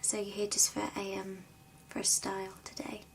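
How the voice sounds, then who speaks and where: A woman speaks in a hushed, gentle whisper, slipping now and then into a soft spoken voice as she plays a hairdresser in an ASMR roleplay. Her voice sits at an ordinary middle pitch, and a faint hiss runs beneath the recording. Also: completely flat delivery, moderate pace.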